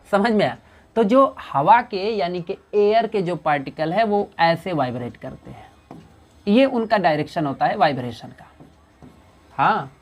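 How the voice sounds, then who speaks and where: A man with an Indian accent teaching physics in a revision lecture, asking questions and answering them himself and reading English definitions slowly. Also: high voice.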